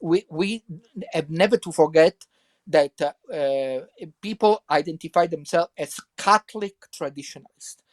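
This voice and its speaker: Answering an interviewer in his second language, this Italian guest author speaks English with an Italian accent, stumbling along with frequent repetitions and fillers. He has a slightly high voice, and there's no room sound at all.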